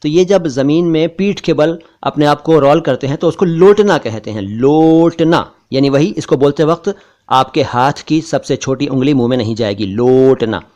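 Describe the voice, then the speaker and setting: A man hosting a language lesson, patiently explaining how words are pronounced and saying each word again slowly. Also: on the high side, darkish tone. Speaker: host and language teacher.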